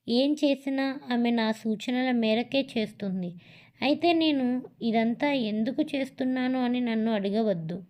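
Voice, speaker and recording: A woman's voice: on the high side, a little mellow, lightly acted. A woman reading the lines of a grave middle-aged husband who pleads earnestly.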